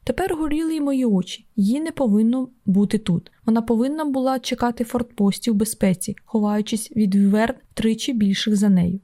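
A woman reads a novel aloud in the first person, keeping a steady, even storytelling delivery. Her voice sits fairly high but sounds mellow and warm rather than bright. It is an audiobook narration from start to finish. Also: brisk, few pauses.

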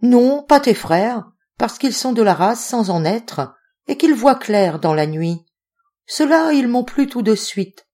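A woman voicing a proud, gruff male ape-man of the forest in an audiobook reading. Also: fairly low pitch, warm tone. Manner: gruff and scornful.

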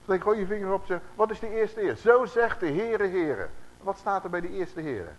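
A man preaching a sermon, slowing down and swelling on scripture quotes and putting questions to the congregation. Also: high voice, big pitch swings, lo-fi sound.

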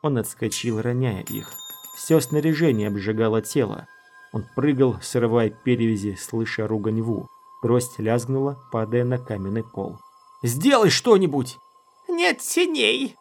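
A man narrating a fantasy audiobook in a steady, even storytelling manner. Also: fairly low pitch, normal speed, soft background music. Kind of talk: scripted narration.

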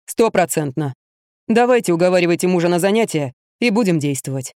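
A woman voicing a calm, blunt young male fitness trainer who speaks curtly and matter-of-factly. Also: on the low side, brisk, no room sound, studio quality, lightly acted. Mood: cool. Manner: cool, curt, matter-of-fact.

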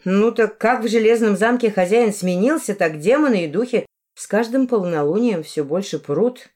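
A woman's voice: medium pitch, normal speed, darkish tone, pitched above the performer's own voice, close to an everyday voice. A woman reading aloud, voicing a weary, blunt elderly village woman. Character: massive old village matriarch, gruff and weary.

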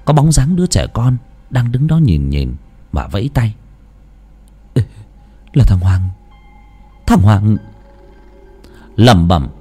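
A man narrating a ghost story in a measured, dramatic way. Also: medium pitch, dark tone, husky. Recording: faint background music.

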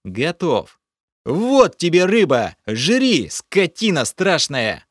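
A man voicing a short-tempered male adventurer in an audiobook, yelling and threatening. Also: mid-range voice, sing-song, very slow, no echo, studio quality, voice pushed up, heavily acted. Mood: furious.

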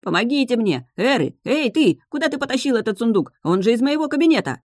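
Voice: normal speed, a little mellow, dry recording, studio quality, close to an everyday voice. A reader voicing a panicking, vain middle-aged male ambassador who shrieks and wails, in an audiobook. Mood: shrieking. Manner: shrill, wailing and shrieking. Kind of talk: audiobook character voice.

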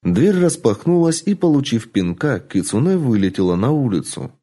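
Dramatic male audiobook narrator, mellow tone. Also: mid-range voice, normal speed, slight background noise. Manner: expressive, dramatic storytelling.

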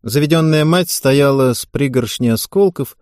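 A man narrating an audiobook in an expressive storytelling manner. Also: mid-range voice, normal speed, no echo, clean studio sound.

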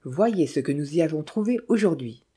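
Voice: medium pitch, expressive, moderate pace, warm tone, slightly rough. A narrator voicing a young American woman who speaks with eager curiosity. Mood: pleased.

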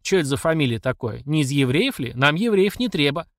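A man's voice: a little high, sing-song, fairly quick, fairly bright tone, no echo. Brash young village lad, blunt and suspicious, done by a male reader, dry close sound.

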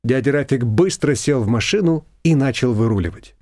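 A man reading a story aloud in an even, measured narration. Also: medium pitch, no room sound, studio quality. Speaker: audiobook narrator. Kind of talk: scripted narration.

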